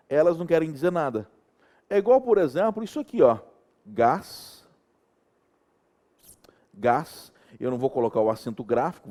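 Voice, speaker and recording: A middle-aged Brazilian man teaching a Portuguese grammar lesson, checking in with the students again and again. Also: on the high side. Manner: animated, checks in with students often.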